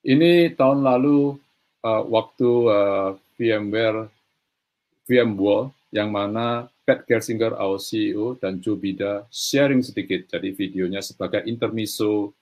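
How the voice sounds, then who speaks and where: A man's voice: fairly low pitch, takes it slowly, a little mellow. A middle-aged man giving a virtual conference keynote over a webcam from a small room, hesitant, with frequent "right, so" fillers. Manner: peppers talk with "right, so"; hesitant, many restarts and "eh". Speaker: keynote speaker. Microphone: video call webcam.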